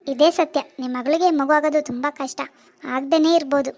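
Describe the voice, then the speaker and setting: A blunt, level-headed hospital doctor in an animated drama, voiced by a woman. The doctor delivers news firmly and without softening it. The voice is very high and the pace is brisk. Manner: firm, matter-of-fact.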